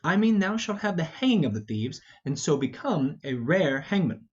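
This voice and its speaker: A man's voice: on the high side, sing-song, normal speed. A man voicing a witty, teasing young prince with bantering retorts in an amateur Shakespeare reading. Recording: dull, lo-fi.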